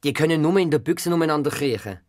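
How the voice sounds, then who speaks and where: A reader with a Swiss German accent voicing a stern, gruff old grandfather in a children's audio story, speaking slower and lower than the narration. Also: expressive, darkish tone, no room sound, studio quality, lightly acted.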